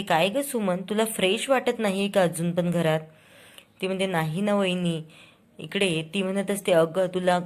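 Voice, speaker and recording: Woman recapping a serial, lowish voice. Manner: retells scenes, quoting each character's lines with light emphasis. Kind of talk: casual spoken recap.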